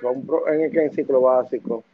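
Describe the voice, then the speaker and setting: A man's voice: mid-range voice, fairly quick, phone-quality sound, a little hiss or hum. A young man with a Dominican accent in casual, slangy banter, teasing his friends and cutting in.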